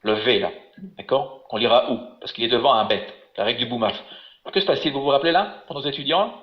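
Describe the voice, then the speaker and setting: A man's voice: medium pitch, quick pace. A man teaching biblical Hebrew in an online class, patient and encouraging, explaining step by step. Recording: echoey room, dull webinar audio.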